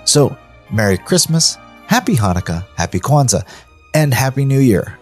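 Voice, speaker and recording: A man's voice: mid-range voice, very animated, normal speed, faint music behind. A man hosting a podcast, delivering scripted narration to his listeners. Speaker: podcast host.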